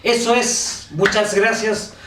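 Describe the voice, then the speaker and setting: A man with a Chilean accent teaching an online course lesson. He speaks in an animated way and keeps checking with his listeners. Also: sits high, takes it slowly, noisy background. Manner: animated, asks for agreement with "¿cierto?". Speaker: instructor. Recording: echoey room, voice from a distance.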